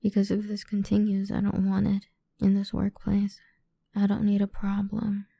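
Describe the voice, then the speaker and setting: Playing a stern, menacing, domineering boss who toys with an employee, a woman speaks in a mellow mid-range voice with completely flat delivery in an ASMR roleplay. She is condescending and deliberate, stretching her words and often whispering breathily into a close, dry mic with no echo.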